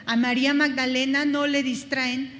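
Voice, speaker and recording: A woman's voice: high-pitched, little pitch movement, moderate pace, a bit bright, big-room sound. A woman teaching a Bible study class, thinking aloud with many fillers and restarts.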